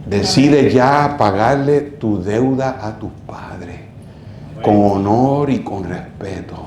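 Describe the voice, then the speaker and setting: A man's voice: on the low side, slow, a little mellow, roomy sound, slight background noise. A man preaching a sermon as pastor, telling a story dramatically and exhorting his listeners. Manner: dramatic storytelling, acting out quoted voices; scolding, exhorting. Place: church.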